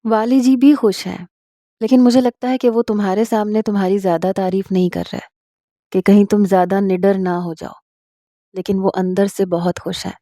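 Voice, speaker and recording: A woman reading the part of a shy, anxious married noblewoman, speaking softly and teasingly. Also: mid-range voice, fairly even intonation, no echo, studio quality, natural voice. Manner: soft, hushed and teasing. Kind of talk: dramatic audiobook reading.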